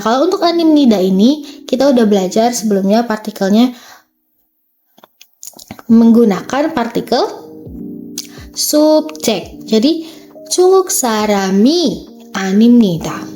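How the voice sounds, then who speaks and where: A woman tutor works through a language workbook, reading each sentence slowly and explaining it step by step. Her voice is slightly high and mellow, and her tone stays friendly and chatty. Faint music plays softly underneath. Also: lively intonation. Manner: chatty, frequent "oke" and "ya". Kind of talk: workbook walkthrough lesson.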